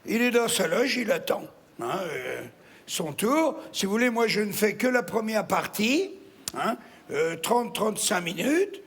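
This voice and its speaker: A man's voice: high voice, very animated, unhurried, a bit bright, exaggerated voice. A man playing a brash, vulgar woman in her sixties who opens the show, swearing and teasing the audience from a theatre stage. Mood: brash welcoming. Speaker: stand-up comedian. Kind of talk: live stand-up character act.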